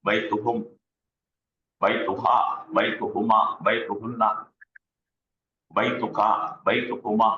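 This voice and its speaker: A man teaching an online Arabic grammar lesson, slowly drilling word forms aloud on a video call. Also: fairly low pitch, sharp tone. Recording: dull echoey room sound.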